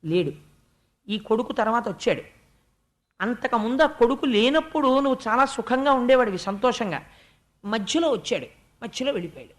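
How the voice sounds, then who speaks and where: A storyteller voicing an elderly male sage who calmly reasons with a grieving king in a spoken scripture story. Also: mid-range voice, normal speed, long pauses, close to an everyday voice. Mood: admonishing. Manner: calm, reasoning, admonishing.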